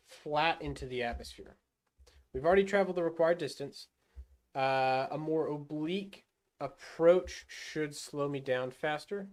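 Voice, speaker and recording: Guy streaming a space game, kinda high voice, muttering to himself as he plays. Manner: thinks aloud, talking himself through each step; self-muttering with fillers and restarts. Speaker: gaming livestreamer. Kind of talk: casual live gameplay commentary.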